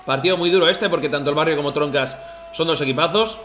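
A man recapping football matches as excited commentary, emotional and shouting at misses. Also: on the high side, fast talker, roomy sound, a little hiss or hum. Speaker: team president and streamer recapping matches.

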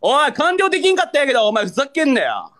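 A man's voice: extremely high pitch, wildly swooping pitch, racing, fairly bright tone. A young man with a Kansai accent, a livestreamer bantering in mock anger and pleading with viewers for gifts. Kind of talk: live-stream battle banter.

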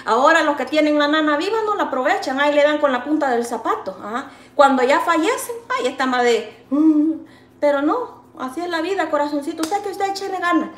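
A woman's voice: high voice, lively intonation, brisk. A woman with a Salvadoran accent chatting casually on her vlog, reading viewer comments and consoling them with fond pet names while she makes tortillas. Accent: Salvadoran Spanish. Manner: affectionate, calls viewers sweet pet names; consoling, folksy and talkative. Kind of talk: casual live-stream chat. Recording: echoey room with faint background noise.

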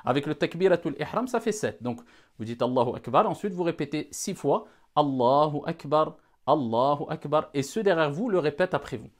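A man's voice: on the high side, lively intonation, fairly quick. A man giving a careful religious lesson, addressing the audience formally and repeating key points to stress them. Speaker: religious teacher.

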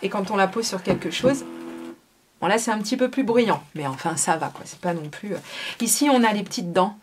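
A woman talks through a product demo at her craft table. She explains each step in a chatty, relaxed way, often pausing on fillers. Her voice sits at a middle pitch. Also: slight background noise. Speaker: crafting video host.

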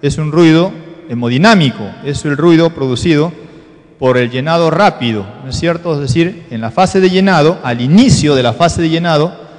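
Peruvian male lecturer, somewhat high voice, quizzes the class as he explains, long hall reverb. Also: normal speed. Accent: Peruvian Spanish. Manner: explanatory, asks the class rhetorical questions. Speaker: medical lecturer. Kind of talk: exam-prep cardiology lecture.

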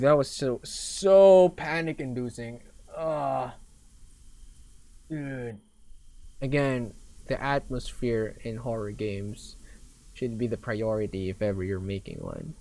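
Casting: young man, Filipino accent, mid-pitched voice, scared horror game streamer, casual and reactive. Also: a little mellow, no echo. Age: young adult. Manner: scared, reactive gamer exclamations. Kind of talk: casual gameplay commentary.

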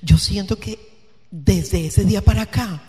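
A woman pastor preaching with passion, her voice swinging from hushed to loud and emphatic. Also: mid-range voice, measured pace, big-room sound. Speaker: guest pastor. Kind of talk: sermon. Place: church.

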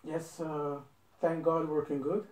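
A man's voice: on the high side, level tone, measured pace, a little mellow. A young man from Belgium in his twenties, answering interview questions in an earnest, casual way and repeating points for emphasis. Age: 20s. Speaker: interview guest. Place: living room indoors. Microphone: phone camera across a table. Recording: roomy, from a distance.

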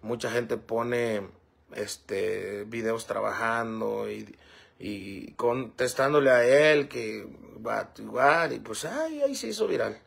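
Male livestream host, gravelly, husky voice, rambling casual chat with viewers. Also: medium pitch, animated, takes it slowly, a bit bright. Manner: rambling, fillers like "este" and "¿verdad?". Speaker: livestream host reading comments.

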